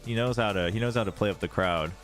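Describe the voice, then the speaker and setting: Soft background music accompanies a fast-talking man whose fairly low, fairly bright voice carries an American East Coast accent. He's the host and analyst of an esports watch party, giving casual livestream commentary and chatting informally.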